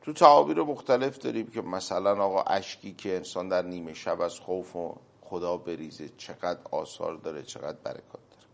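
A man giving a religious talk, quoting Arabic phrases slowly with emphasis and acting out short stories. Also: deep voice, gravelly. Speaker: cleric.

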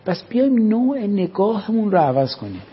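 Husky man giving a lively lecture. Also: high-pitched, muffled recording. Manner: animated, rhetorical questions, acts out scolding parents. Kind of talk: religious-minded lecture to a class.

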